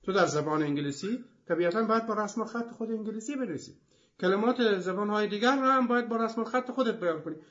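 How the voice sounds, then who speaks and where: A high-voiced man gives a methodical, explanatory lecture as host of a language programme. He works through his points one example at a time. The recording sounds dull and lo-fi. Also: a bit bright.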